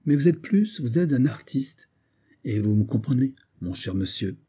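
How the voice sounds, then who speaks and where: A man voicing a pompous, flattering hatter in his thirties or forties, unctuous and self-important, in a dark, husky voice. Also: medium pitch, normal speed. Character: pompous, flattering male hatter, 30s to 40s.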